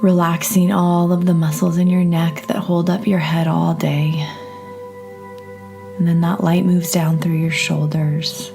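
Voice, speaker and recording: A woman leads a calm grounding exercise in a low, mellow voice. She sounds soothing and gentle, like a therapist guiding relaxation, with faint music underneath. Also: unhurried, gravelly. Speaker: podcast host and therapist.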